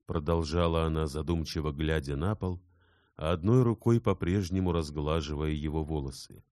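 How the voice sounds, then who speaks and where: A man narrating a classic novel in a measured, calm storytelling manner. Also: rumbling low, no echo, clean studio sound.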